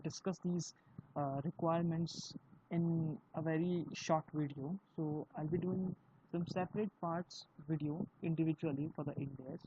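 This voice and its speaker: A speaker with an Indian accent giving an explanatory video lesson on accounting, talking in a halting way with frequent fillers. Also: mid-range voice. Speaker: accounting teacher. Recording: dull lo-fi recording with faint hiss.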